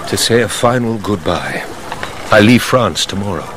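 A man playing a coolly menacing, vengeful Count in a radio drama, speaking in a measured, formal, sardonic way. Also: fairly low pitch, animated, background noise, natural voice. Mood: subdued, courteous.

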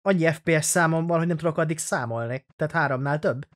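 Sarcastic young man doing game commentary. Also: fairly high pitch. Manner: jokey, sarcastic, rambling. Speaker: let's play host.

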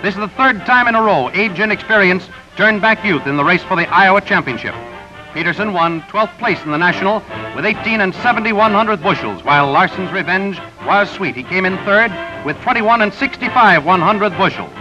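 A high-pitched male narrator reads sports results in a brisk announcer cadence, as on a 1930s newsreel. The sound is dull and lo-fi, with music running clearly underneath. It has the tone of a vintage cinema newsreel. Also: animated. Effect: old 1930s newsreel soundtrack. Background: music bed.

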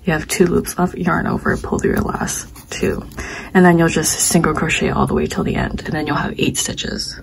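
A young woman walks viewers through a crochet pattern, calmly counting stitches as she works. Her voice sits low with a gravelly fry and a touch of hoarseness. A faint hiss runs under the recording. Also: brisk, hardly any pauses, poor audio. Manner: calm, talks while working, counts stitches aloud. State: slightly hoarse. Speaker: crochet instructor. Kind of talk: step-by-step craft tutorial.

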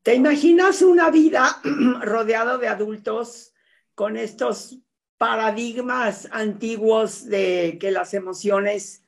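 A woman hosts a conversation, asking questions and answering with expressive, sympathetic remarks. Her voice is fairly high and full of feeling. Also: slow pace, gravelly. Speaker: host. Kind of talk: conversational interview.

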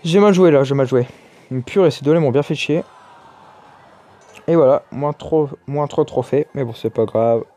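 A man's voice: medium pitch, moderate pace, long pauses, dark tone. A man giving casual, chatty commentary over his own gameplay, exclaiming and muttering to himself as he plays. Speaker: gaming YouTuber.

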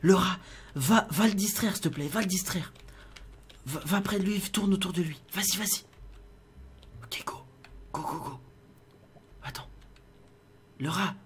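A young man giving live gameplay commentary in a roleplay, playing a father. He keeps talking to his viewers and swings from hushed whispers to loud, excited shouting. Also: high voice, normal speed, long pauses, slight background noise. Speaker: gaming YouTuber playing a father in Minecraft roleplay.

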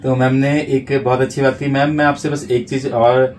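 Man interviewer, flat even voice, halting questions, fillers, mic a bit far, faint noise. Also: mid-range voice. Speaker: interviewer and channel host.

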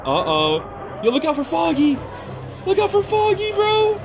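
Recorded at home on a makeshift travel rig, with music adding to a noisy background, a young adult reaction-channel host commentates on gaming. The voice is very high with huge pitch swings, unhurried yet gushing with slangy exclamations.

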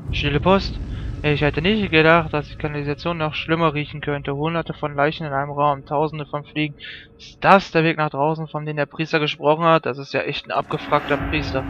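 A man's voice: on the high side, steady tone, fairly quick, highs cut off, slight background noise. A man giving jokey, self-mocking running commentary while playing a game, yelping when startled. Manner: yelps and shouts when startled. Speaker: let's play gamer. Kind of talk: let's play commentary.

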